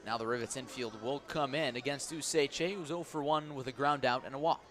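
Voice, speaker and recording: This radio baseball announcer works from an outdoor ballpark broadcast position, speaking a little fast at medium pitch with a bit of hiss or hum on the line. He gives crisp, descriptive live calls that lift as the action picks up.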